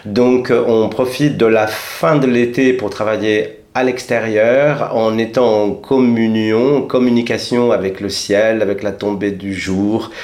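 A theatre director speaking at length in an interview, rambling and hesitant, with many fillers. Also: male voice, on the low side, fairly even intonation, unhurried, hardly any pauses, a little mellow. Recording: echoey room.

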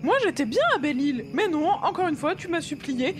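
High-voiced, blunt, rebellious traveller. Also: female voice, expressive, a little fast, over music. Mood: irritated, mocking. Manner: blunt, colloquial, scolding. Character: fed-up rebellious young woman traveller, blunt, sharp-tongued. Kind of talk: French audio fiction acting.

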